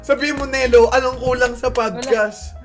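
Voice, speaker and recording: A man's voice: very high voice, fairly even intonation, moderate pace, over music. A young man co-hosting a podcast, bantering playfully, teasing his friends and laughing often. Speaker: podcast co-host.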